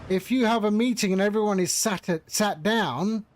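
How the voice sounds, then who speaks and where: A man's voice: high-pitched, normal speed, slight background noise. A man streaming a flight simulator, chatting casually with his viewers, joking and laughing often. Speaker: flight sim livestreamer.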